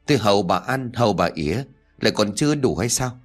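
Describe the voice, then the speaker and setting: Man doing a sharp young wife, scolding fast, lively pitch swings, storybook reading. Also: faint music behind. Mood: furious. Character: scolding, resentful young wife who grows frantic.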